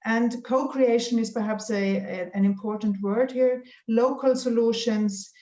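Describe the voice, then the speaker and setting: A woman's voice: fairly high pitch, fairly even intonation, dark tone, lo-fi sound. Woman giving closing remarks in an echoey room. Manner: measured, with frequent fillers. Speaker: governing board chair. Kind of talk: concluding remarks at an online conference.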